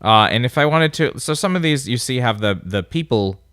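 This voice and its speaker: In a casual coding tutorial narrated over a screen capture, an instructor with a nasal voice thinks out loud while typing commands. He speaks at a moderate pace in an animated, mid-range voice that is fairly bright, clear and resonant, with clean studio sound and no room reverb.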